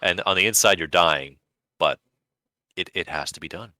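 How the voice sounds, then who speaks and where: A man's voice: low voice, normal speed, pushed and bright, no room sound. A man co-hosting a podcast in casual chat, with dry, sardonic humor. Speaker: podcast co-host.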